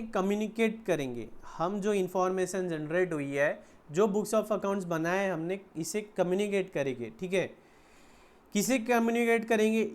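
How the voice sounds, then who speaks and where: Indian man teaching an accounts class. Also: high-pitched. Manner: explains slowly in mixed Hindi and English, asks and answers own questions. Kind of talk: classroom lecture.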